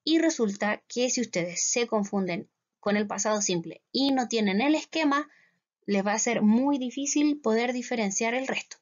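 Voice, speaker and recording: A Chilean woman teaching an English grammar lesson. Her voice sits fairly high, and she keeps asking her students whether they follow, drawing the English words out slowly. The recording is dull and lo-fi. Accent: Chilean Spanish. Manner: patient, repeats "¿cierto?" to check understanding. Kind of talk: classroom lesson explaining grammar. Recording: dull lo-fi sound.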